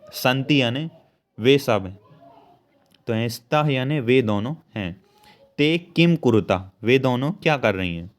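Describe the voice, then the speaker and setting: A young man, explaining a school lesson patiently and slowly. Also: medium pitch. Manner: slow, patient explanation with frequent asides to students. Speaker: teacher.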